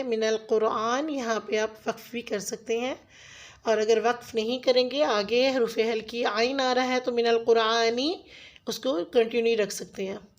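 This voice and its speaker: Pakistani urdu accent woman, fairly high voice, patient tajweed teacher going word by word. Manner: patient step-by-step instruction, slowly sounding out Arabic words. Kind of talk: Quran recitation lesson.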